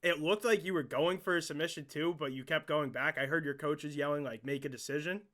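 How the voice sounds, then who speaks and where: A man hosting a casual interview podcast, excitable and joking, swearing often as he asks questions. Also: on the high side, fairly quick.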